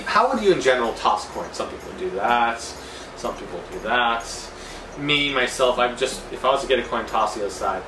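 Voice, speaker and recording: A man's voice: mid-range voice, far from the mic. A man giving a casual, rambling magic tutorial, thinking aloud in an informal, loose way as he explains. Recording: echoey room, off-mic, music behind.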